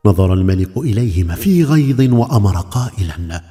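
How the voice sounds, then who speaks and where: Dark-voiced man telling a folk tale. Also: fairly low pitch, brisk. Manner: expressive, rises and falls dramatically. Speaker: storyteller. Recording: long reverb with faint music.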